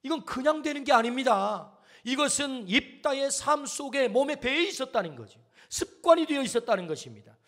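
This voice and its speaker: A man's voice: very high-pitched, big pitch swings, fairly quick, fairly bright tone. A male pastor preaching a sermon, emphatic, firing rhetorical questions and calling for amens.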